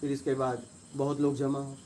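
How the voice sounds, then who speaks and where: A man, a spiritual teacher, telling stories to listeners and acting out quarrels in a rising, forceful voice. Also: medium pitch, little pitch movement, normal speed. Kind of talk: storytelling talk to listeners.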